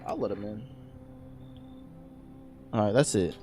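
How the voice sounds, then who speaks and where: A man streaming a video game, reacting loudly in casual slangy commentary. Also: fairly low pitch, unhurried, faint music behind.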